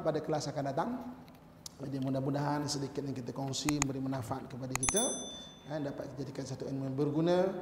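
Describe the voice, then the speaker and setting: A man's voice: fairly high pitch, a little mellow, slight background noise. A man with a Malaysian Malay accent giving a chatty religious lecture in a mosque, speaking straight to his listeners and reciting Arabic phrases. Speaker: religious teacher. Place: large mosque hall. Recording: echoey mosque hall with long reverb.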